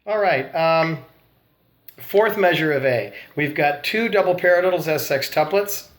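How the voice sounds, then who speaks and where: A man teaching a snare drum part, calmly explaining rudiments and counting off before he plays. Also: on the high side, unhurried. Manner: calm, counting off and calling rudiments. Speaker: drum instructor. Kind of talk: instructional demonstration.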